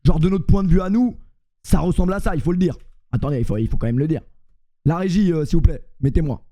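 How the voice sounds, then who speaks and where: A young man with a French accent streams to his chat, joking and rambling. His voice sits high but sounds dark and mellow, and he keeps poking fun at himself. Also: fast. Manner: joking, rambling, self-mocking.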